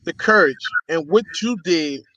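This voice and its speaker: A man's voice: on the high side, expressive, measured pace, a bit bright. A man hosting a podcast interview, encouraging his guest with motivational remarks. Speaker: podcast host. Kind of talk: interview conversation. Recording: dull, lo-fi and dry sound.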